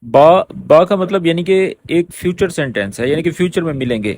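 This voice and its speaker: A man teaching spoken phrases in a lesson. He explains patiently, repeats each phrase slowly and keeps checking that the listener has understood. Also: on the high side, a little mellow, slight background noise. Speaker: Arabic teacher.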